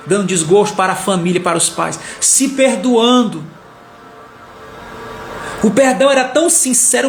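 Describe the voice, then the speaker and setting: High-pitched preacher in echoey room. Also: male voice, vocal fry. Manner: animated, acts out the characters' lines. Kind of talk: sermon storytelling. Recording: echoey room with faint music.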